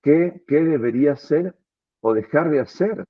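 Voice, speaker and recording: A man's voice: a little high, moderate pace, no room sound. Earnest man on a tinny line. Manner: earnest, reflective, repeats words while thinking. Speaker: philosophy commentator. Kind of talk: philosophical conversation.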